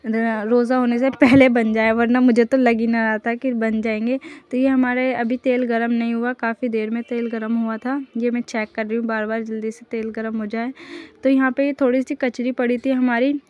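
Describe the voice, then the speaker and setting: A young woman talks over her own vlog footage in a loose, rambling way, often opening with "so guys". Her voice sits fairly high but stays quite level, with little rise and fall as she goes. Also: flat delivery, normal speed, darkish tone, highs cut off. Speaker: vlogger. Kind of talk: casual voice-over narration of a daily vlog.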